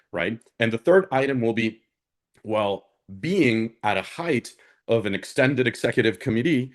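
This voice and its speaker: A man from Honduras, speaking as an alumnus guest on a panel in an earnest, conversational way that often checks in with the listener. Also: medium pitch. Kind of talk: conversational career talk on a panel.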